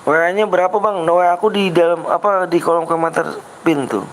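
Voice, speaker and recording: A man hosts a game livestream, chatting casually in Jakarta Betawi slang, patiently reading comments and coaxing viewers by repeating himself over and over. His voice is a little high and steady, he talks fairly quickly, and the rough recording has slight background noise.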